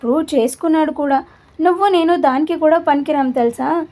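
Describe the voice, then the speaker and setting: A woman's voice: high voice, brisk, mellow, natural voice. A woman voicing an earnest young woman giving a firm scolding. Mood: stern.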